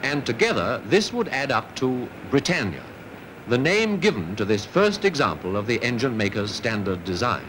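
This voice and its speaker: A man, narrating a 1950s newsreel in a crisp, declamatory announcing manner. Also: medium pitch, big pitch swings, normal speed, fairly bright tone, a little hiss or hum.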